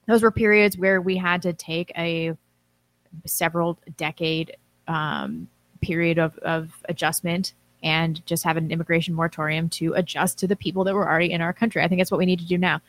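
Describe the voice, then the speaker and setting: A woman's voice: fairly low pitch, little pitch movement, a little fast, no room sound. Casual woman co-host, dry close sound. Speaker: co-host reading out listener messages. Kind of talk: casual live talk show, reading chat aloud.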